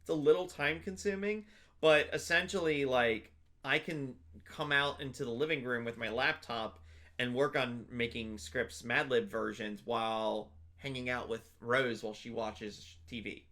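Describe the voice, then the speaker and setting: Rambling young man, bright voice. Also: mid-range voice, steady tone, measured pace. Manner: rambling, many fillers and restarts. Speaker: interview guest, convention panelist. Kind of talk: casual interview chat.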